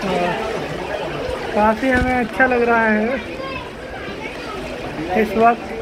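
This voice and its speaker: A woman's voice: fairly high pitch, over a noisy crowd, rough recording. A woman narrating a walking travel vlog from a rocky gorge, chatting to viewers and calling them guys. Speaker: vlogger. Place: outdoors in a rocky gorge with flowing water. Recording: loud rushing water noise behind.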